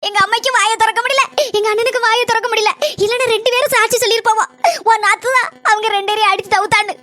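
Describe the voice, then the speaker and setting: A shrill scheming mother-in-law. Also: steady tone, pushed and bright. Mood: pleading. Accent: Kanyakumari Tamil. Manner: shrill, rapid, repeats words insistently. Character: scheming middle-aged mother-in-law, defensive and pleading. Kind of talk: cartoon voice acting.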